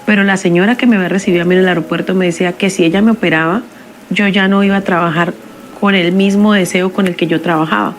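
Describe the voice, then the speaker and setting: A woman telling a first-person story in a somber, measured confessional way. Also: on the low side, fairly even intonation, a little hiss or hum.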